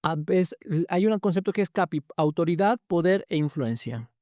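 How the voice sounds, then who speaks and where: A man's voice: fairly high pitch, moderate pace, no room sound, clean studio sound. A man, a university teacher as interview guest, telling stories and acting out quoted students. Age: 50s. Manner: animated storytelling, acts out quoted students. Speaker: guest lecturer. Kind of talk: conversational interview.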